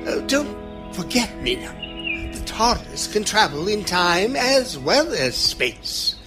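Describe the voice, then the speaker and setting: An actor in an audio drama playing an eccentric, kindly, cheerful old time-travelling doctor who dithers through ums and broken phrases. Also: male voice, high-pitched, big pitch swings, slow, over loud music, exaggerated voice. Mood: cheerful, musing.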